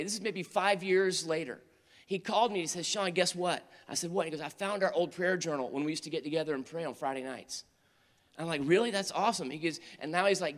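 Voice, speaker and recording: A man preaching to teenagers in an earnest storytelling manner, rising to urgent appeals and dropping to quiet, tender moments. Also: on the high side. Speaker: youth pastor. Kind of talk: sermon to teenagers. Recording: long hall reverb.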